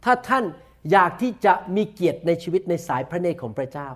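A man's voice: high voice, big pitch swings. Thai-accented man preaching a bilingual sermon. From Thailand. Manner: preaches each point in English then repeats it in Thai; slow, deliberate English, rapid Thai. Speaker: pastor. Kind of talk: bilingual sermon, self-translating.

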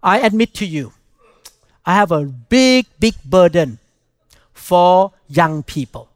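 Older male preacher, Thai accent, high voice, dry close sound, emphatic short phrasing. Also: sing-song, slow, no room sound. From Thailand. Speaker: pastor preaching. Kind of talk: sermon.

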